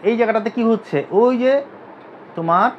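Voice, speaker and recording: A physiotherapy teacher from Bangladesh drills his anatomy students with repeated questions, asking them to say terms back to him. He speaks briskly in a high-pitched voice. The recording is dull and lo-fi, with a little hiss or hum.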